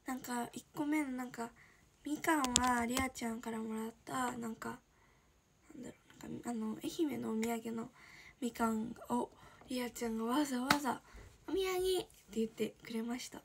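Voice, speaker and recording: An 18-year-old woman from Shizuoka, Japan, chatting casually on a livestream and answering viewer comments, often slipping into a soft breathy whisper. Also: a little high, level tone, moderate pace, noisy background. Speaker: idol livestreamer.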